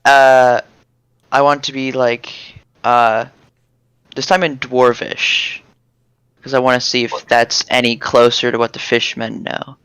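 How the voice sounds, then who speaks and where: A man's voice: medium pitch, level tone, unhurried, a bit bright, clean tone, dry recording. A man playing a tabletop role-playing game, casually explaining what his character does.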